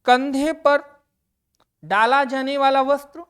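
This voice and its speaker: In a steady, high-sitting voice, a female teacher works through an exam-prep grammar lesson. Every answer word is repeated and stressed as she speaks slowly and deliberately to her students.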